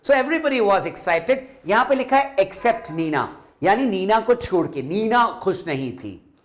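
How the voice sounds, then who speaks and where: High-voiced, slow-talking male teacher. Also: sing-song. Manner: patient, addresses children directly. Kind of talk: explaining a storybook lesson to children.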